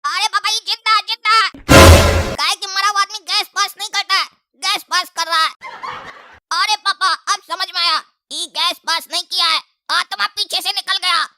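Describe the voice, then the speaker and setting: A woman voicing a cheeky, mouthy young boy in a cartoon, talking in sarcastic rambles with frequent shouts and laughs. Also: extremely high pitch, heavily acted.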